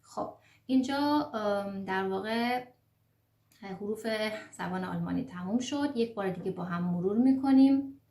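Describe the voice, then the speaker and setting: A woman teaching an online language lesson, pronouncing letters one by one slowly and carefully, with small fillers as she explains. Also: medium pitch, gravelly, mellow, roomy sound. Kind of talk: online lesson on the German alphabet.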